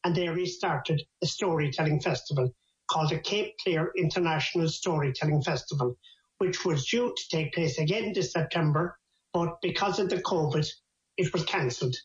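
A man's voice: on the high side, moderate pace. Lilting Irish storyteller man, echoey call. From Ireland. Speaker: traditional storyteller, guest. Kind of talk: storytelling in conversation. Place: at home, over a video call. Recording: echoey, dull video-call audio.

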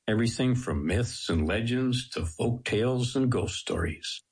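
A man's voice: mid-range voice, lively intonation, a little slow, gravelly, a little mellow, slightly rough. An American man hosting a radio show with polished, dramatic presenter phrasing. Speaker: radio guest host. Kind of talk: scripted radio introduction and interview.

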